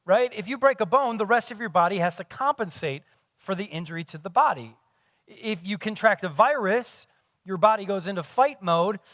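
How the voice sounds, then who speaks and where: A man's voice: sits high, fairly bright tone, no room sound. A pastor in his forties giving a conversational sermon with self-deprecating humor. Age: 40s.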